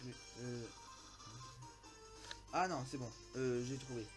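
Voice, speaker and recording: A man's voice: mid-range voice, takes it slowly, over music. Flustered, rambling man playing a game. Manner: rambling, flustered, laughing at himself. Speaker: let's play host. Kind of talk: casual gameplay commentary.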